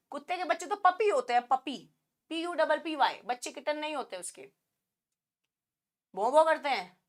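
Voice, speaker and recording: A woman teaching an online exam-prep class, teasing her students and peppering them with quick questions. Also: high voice, animated. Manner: playful and teasing, imitates animal sounds; asks the class many rhetorical questions.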